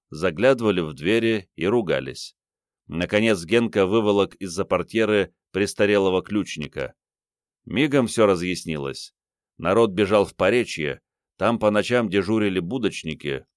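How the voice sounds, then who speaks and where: A man narrating an audiobook in a steady, measured reading. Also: sits low, dry recording, studio quality. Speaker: audiobook reader.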